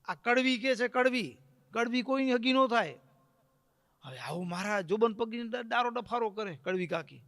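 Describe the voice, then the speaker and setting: A male preacher tells a devotional story with a dramatic delivery. His voice is high and bright, and he acts out the voices of the characters. The recording has a long hall echo. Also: animated, moderate pace.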